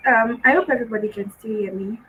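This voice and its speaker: An emphatic woman with a Nigerian English accent, hosting an online livestream. She talks in a fairly high voice and repeats herself the way a preacher does. A faint background hum sits under her voice. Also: fast, fairly bright tone, poor audio. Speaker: summit host.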